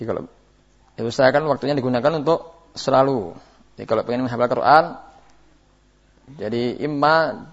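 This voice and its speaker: A man teaching Quranic recitation rules, modeling sounds and repeating them to correct listeners while answering questions. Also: mid-range voice. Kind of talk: tajwid lesson answering questions. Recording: muffled lo-fi 2000s lecture tape.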